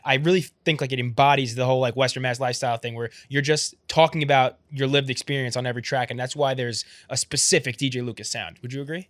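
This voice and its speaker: Young guy hosting, fast easygoing questions, lots of yeah and facts, dry close sound. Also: mid-range voice, fairly even intonation, fairly bright tone, dry recording. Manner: quick, agreeable, slangy questions with short affirmations. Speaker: interview host. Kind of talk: casual interview chat.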